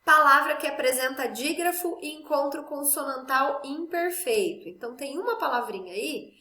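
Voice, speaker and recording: Bright, high-voiced patient woman teacher. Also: expressive, echoey room. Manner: slow, patient explaining with checking questions. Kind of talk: remote school lesson for children.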